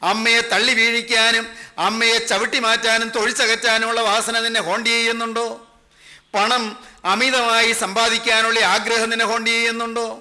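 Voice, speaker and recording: A man's voice: very high voice, completely flat delivery, brisk, sharp tone. A man preaching a sermon, firing off long chains of repeated rhetorical questions and calling his listeners son and daughter.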